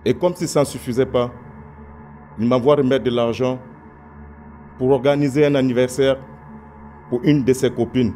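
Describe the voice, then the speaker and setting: A man's voice: medium pitch, fairly even intonation, moderate pace, pauses often, warm tone, soft background music. A man acting in a comedy sketch as a poor employee who pleads with his boss and a judge. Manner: pleading, deferential. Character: put-upon male employee begging his boss. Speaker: actor in a comedy web series.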